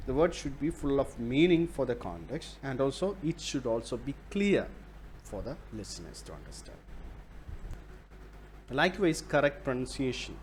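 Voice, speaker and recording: Male lecturer, very slow deliberate delivery, mid pitch, bilingual explanations. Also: very animated, a little hiss or hum. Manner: slow, deliberate, switches between English and Malayalam; explains through repeated examples. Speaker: university lecturer.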